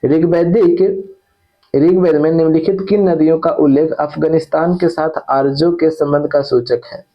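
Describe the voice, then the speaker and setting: A man's voice: on the high side, fairly even intonation, moderate pace, lo-fi sound. A man teaching an exam-prep lesson who repeats key terms and checks in with his students after each point.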